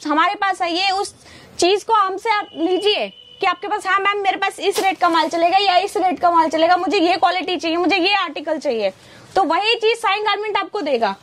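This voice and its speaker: A young woman selling wholesale clothing in a warehouse, pitching energetically and repeating her selling points. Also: normal speed, a bit bright. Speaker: wholesale seller. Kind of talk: sales pitch showing products.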